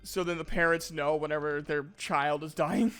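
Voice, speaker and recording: A young man streaming a game and chatting over it in a rambling, jokey way, his voice sitting slightly high. He leans on plenty of fillers, and faint game music plays underneath his talk. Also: level tone, moderate pace, fairly bright tone, clear, resonant tone. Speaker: streamer and voice actor. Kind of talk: casual gameplay commentary.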